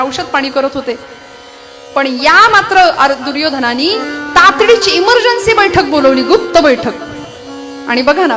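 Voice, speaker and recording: A woman preacher delivers a devotional sermon with storytelling. She speaks in a high voice and keeps asking the audience rhetorical questions. Accompanying music plays steadily behind her. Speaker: kirtan preacher.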